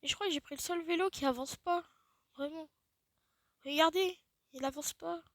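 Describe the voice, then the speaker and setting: A woman giving casual gaming commentary, chatty and self-mocking, often dropping into quiet muttered asides. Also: sits high, moderate pace, no room sound, clean studio sound. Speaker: let's play host.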